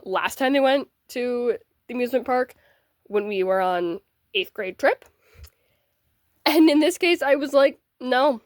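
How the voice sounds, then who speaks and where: A woman's voice: a little high, dry recording. A teenage girl with a congested, stuffy voice, chatting casually to the camera while packing for a trip. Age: teens. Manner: chatty, bubbly, self-deprecating asides. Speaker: vlogger.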